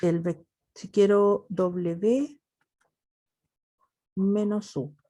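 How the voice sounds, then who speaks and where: A woman's voice: mid-range voice, steady tone, very slow, dark tone. A woman with a Chilean accent teaching a math class over a video call, patient and affectionate with her students. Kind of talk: online class lecture.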